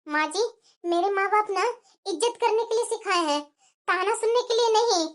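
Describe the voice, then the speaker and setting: In a cartoon, a woman voices a young daughter-in-law who is hurt but firm, pleading earnestly while standing her ground. Her voice is very high and her pace moderate.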